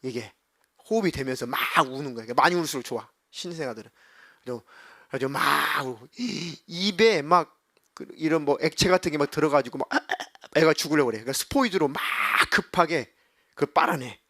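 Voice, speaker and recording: At a brisk pace and fairly high pitch, a middle-aged pastor animates a youth sermon, acting out the quoted people in his story and scolding his audience in fun. There's no room sound; the audio is clean studio quality.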